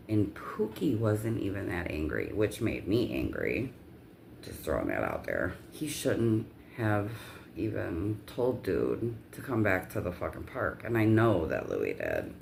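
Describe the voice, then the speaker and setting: A woman's voice: rumbling low, gravelly, a little hiss or hum. A woman telling a personal story in a casual vlog rant, with blunt, profanity-heavy delivery.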